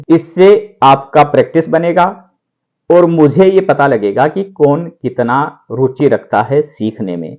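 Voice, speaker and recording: A man teaching a beginner language lesson, repeating words slowly and drawn out for listeners to practice along. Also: on the high side, darkish tone. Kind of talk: instructional video lesson.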